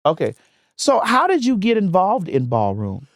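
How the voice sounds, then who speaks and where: A woman's voice: fairly low pitch, huge pitch swings, moderate pace, no room sound, studio quality. A woman hosting a podcast, chatting in a playful, bold way with many stammers and restarts. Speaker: host. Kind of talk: casual podcast chat.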